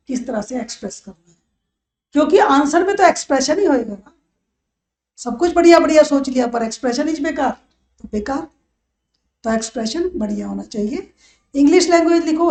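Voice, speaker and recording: A woman teaching a law lecture. She mixes Hindi and English, repeats key phrases and slows right down on the English lines. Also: sits high, mellow, echoey room. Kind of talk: classroom lecture.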